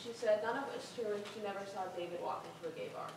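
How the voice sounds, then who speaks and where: A young woman playing a troubled teenage schoolgirl, speaking in an earnest, halting way in a community stage play. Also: medium pitch, gravelly, background noise, natural voice. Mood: remorseful. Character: troubled teenage girl student giving a speech. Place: theater stage. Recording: echoey hall from far off.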